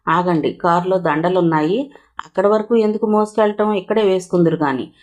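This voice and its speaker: A woman reading a novel aloud, voicing a brisk, slightly bossy young woman friend. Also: lowish voice, darkish tone, natural voice.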